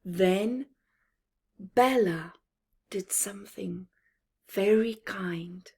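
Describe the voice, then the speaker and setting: This woman has a medium-pitched, creaky, husky voice as she reads a picture book aloud to young children. Her delivery is slow, deliberate, and full of dramatic hush, like a bedtime storyteller.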